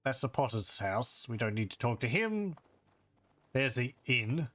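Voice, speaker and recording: A man's voice: mid-range voice, sing-song, measured pace, a bit bright. A man doing casual gameplay commentary, thinking aloud and muttering to himself as he goes. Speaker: video game player.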